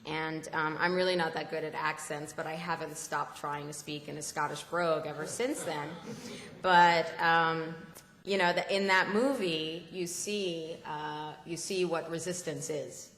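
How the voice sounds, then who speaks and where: A woman addresses an assembly in a fervent, halting public speech, with plenty of ums and uhs. Her voice sits deep for a woman. The sound is roomy, with a long hall reverb trailing her words. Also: steady tone, a bit bright. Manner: impassioned, halting with many fillers. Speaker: speaker at a political assembly.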